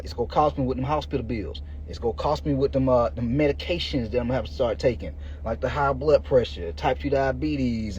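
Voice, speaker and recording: On a muffled, noisy lo-fi recording, a slightly mellow, medium-pitched male voice is heard. He is a podcast host and fitness coach in his thirties, motivating listeners with informal, colloquial talk aimed straight at them.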